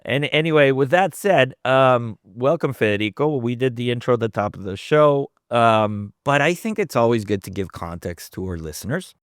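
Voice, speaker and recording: A man's voice: medium pitch, animated, normal speed, few pauses, clear, resonant tone, no room sound, studio quality. A man co-hosting a casual podcast, blunt and joking with some swearing. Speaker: podcast co-host. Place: house in Texas Hill Country.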